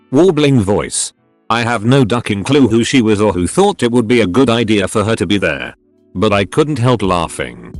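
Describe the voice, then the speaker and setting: A man narrating forum stories in a steady scripted read. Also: on the low side. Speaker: narrator reading forum posts. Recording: faint music bed behind.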